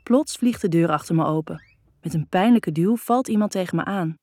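Low-voiced woman reading a novel. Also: normal speed, warm tone, no room sound. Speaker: audiobook narrator. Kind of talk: scripted narration of a first-person novel.

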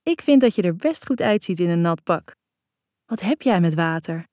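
A woman reading a teasing young man, low mellow. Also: animated, moderate pace, dry recording, studio quality, natural voice. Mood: playful teasing. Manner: playful, joking. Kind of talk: audiobook character reading.

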